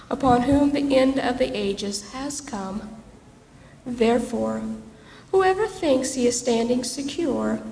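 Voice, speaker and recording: Very creaky female lector in echoey church. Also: a little high, mellow. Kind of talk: measured scripture reading at church. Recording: echoey church hall, faint background noise.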